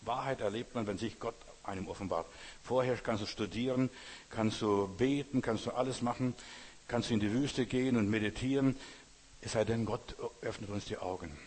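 A man preaching as a pastor, emphatic, repeating phrases and rising to loud exclamations. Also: fairly low pitch, normal speed, slightly rough. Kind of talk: sermon. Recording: long hall reverb.

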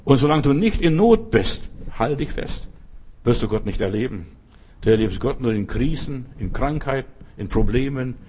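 A middle-aged man from the former Soviet Union preaching a sermon, talking straight to the listener and bursting into dramatic shouted cries for help. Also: medium pitch, breathy edge. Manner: talks straight to the listener with repeated "verstehst du".

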